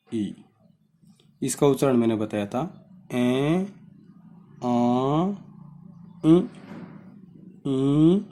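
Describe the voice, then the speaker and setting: Slow, dark-voiced man teaching grammar. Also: medium pitch. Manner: patient, explaining step by step, asks students questions. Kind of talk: Hindi grammar lesson.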